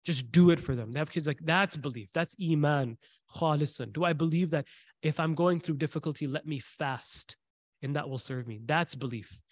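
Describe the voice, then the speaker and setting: A man's voice: a little high, moderate pace, no echo. A man teaching a religious class who tells stories, repeats key phrases for emphasis, asks his listeners questions and recites short Arabic passages. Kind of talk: faith class talk with storytelling.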